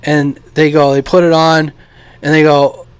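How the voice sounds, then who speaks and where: Talking a little slowly in a fairly high, level, clean voice, an American man rambles through an informal, opinionated vlog about radio as a hobbyist. His delivery is blunt, and the recording is dry.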